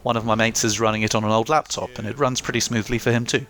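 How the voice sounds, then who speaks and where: A man's voice: mid-range voice, fairly even intonation, quick pace, fairly bright tone. A young man reading a scripted game review with dry, self-mocking humour. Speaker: gaming YouTuber.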